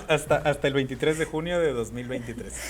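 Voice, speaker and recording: A man's voice: medium pitch, moderate pace, a bit bright, slight background noise. A man hosting a podcast interview, asking questions casually and often turning to speak to the listeners directly. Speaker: podcast host.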